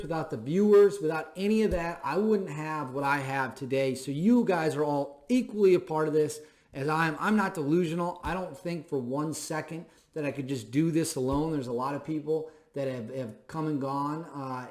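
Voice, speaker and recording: The voice is a man's, fairly high in pitch with a darkish tone. As a thirty-year-old host, he speaks an opinion monologue to camera in a forceful, plain way, repeating phrases to stress them.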